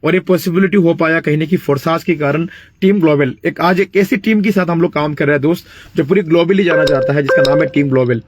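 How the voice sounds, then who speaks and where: Speaking quickly, an Indian man in his late twenties delivers a motivational network-marketing pitch meant to persuade. He mixes in English phrases, often clears his throat, and uses fillers like "you know," with a slight hiss or hum in the background.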